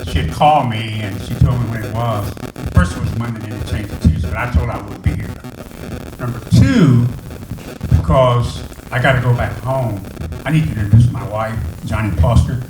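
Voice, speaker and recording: A man's voice: mid-range voice, moderate pace, recorded from a distance, loud music behind the voice. An older man from Arkansas, speaking plainly and folksily as a Senate candidate giving a campaign speech at a community rally. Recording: echoey hall, crowd behind.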